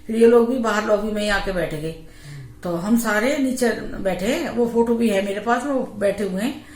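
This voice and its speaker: A woman's voice: medium pitch, moderate pace, a little hiss or hum. A middle-aged woman vlogger casually telling a true haunted story from her family's life, acting out what each person said. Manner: animated, acts out quoted family voices. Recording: echoey home room.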